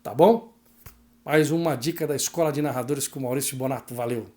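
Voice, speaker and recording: A man's voice: mid-range voice, brisk, darkish tone. A man from Brazil, a sports narration teacher, giving a casual spoken lesson and checking in with the listener through frequent tag questions.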